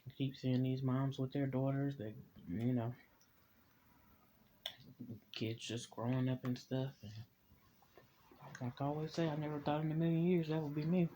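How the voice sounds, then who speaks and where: A man talking casually in a personal vlog, relaxed and reflective, eating as he talks, recorded on a phone at home. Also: medium pitch, normal speed, long pauses, a little hiss or hum. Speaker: vlogger. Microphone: phone camera.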